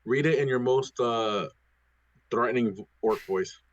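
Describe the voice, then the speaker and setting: A man at a tabletop game speaks in a mid-range voice, a little slowly, hesitating and trailing off with lots of fillers. The player's audio is dry and dull, from a lo-fi mic with no room sound.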